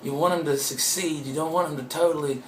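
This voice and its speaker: A man's voice: a little high, fairly even intonation, quick pace, a little hiss or hum. A man, an author being interviewed, talking in a meandering, profane and self-mocking way. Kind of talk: casual rambling interview talk. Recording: roomy echoey room.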